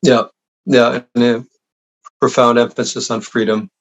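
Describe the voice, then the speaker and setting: A man hosting a podcast interview, chiming in with short agreements and asking halting questions. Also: mid-range voice, flat delivery, low-quality recording. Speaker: podcast host.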